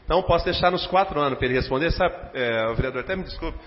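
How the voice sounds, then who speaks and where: A man's voice: on the high side, animated, racing. Hesitant Brazilian councilman in a council chamber. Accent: Brazilian Portuguese. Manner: hesitant, full of fillers, earnest. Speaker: city councilman. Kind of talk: formal debate speech. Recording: dull lo-fi recording with long chamber reverb.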